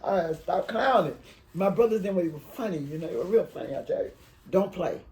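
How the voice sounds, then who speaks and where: A woman in her eighties from Alabama, raised in Detroit, telling her life story in an oral history interview, rambling and halting with emotion. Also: lowish voice, animated, dark tone, low-quality recording. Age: 80s.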